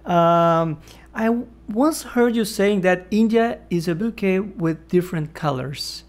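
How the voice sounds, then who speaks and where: In a podcast interview, the host, a man with a high-sitting voice, takes his time reading a formal guest introduction before moving on to warm, encouraging questions.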